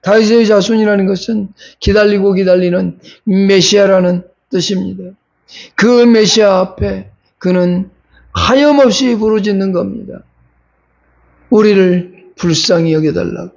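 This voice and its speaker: A man's voice: high voice, steady tone, unhurried, gravelly, darkish tone, muffled recording. A man preaching a sermon as pastor, asking his congregation rhetorical questions and building urgency.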